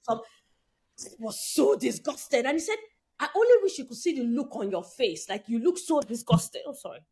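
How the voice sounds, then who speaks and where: A woman's voice: high voice, normal speed, breathy edge. A woman from Nigeria co-hosting a casual chat, telling stories with lots of quoted dialogue. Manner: animated storytelling with quoted dialogue. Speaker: co-host.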